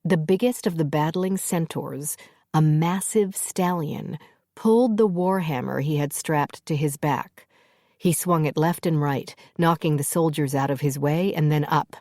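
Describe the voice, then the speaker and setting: Low-voiced woman narrating an audiobook. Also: measured pace, dark tone, no echo, clean studio sound. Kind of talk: scripted fantasy narration.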